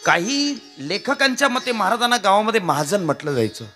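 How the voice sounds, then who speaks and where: A man with a Marathi accent delivers a devotional kirtan sermon in a high, swooping voice with a bright, gravelly edge. He jokes with the crowd, calls them maharaj and pushes them to shout answers back, while a plucked string instrument plays faintly behind him. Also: very animated, brisk, soft background music. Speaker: kirtan preacher.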